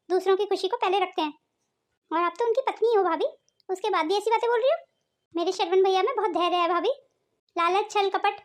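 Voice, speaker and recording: Woman voicing an earnest, reproachful young sister. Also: extremely high pitch. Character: earnest young sister, loyal to her brother. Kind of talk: cartoon voice acting.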